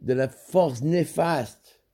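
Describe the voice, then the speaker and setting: A man's voice: on the high side, drawn-out words, warm tone. A man teaching a Torah study lesson, explaining Hebrew verses with frequent restarts and repeated words.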